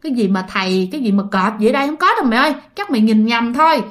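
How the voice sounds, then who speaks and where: A woman's voice: fairly high pitch, expressive, racing, a bit bright. A woman with a Southern Vietnamese accent voicing a blunt, skeptical older sister who scolds. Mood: scolding.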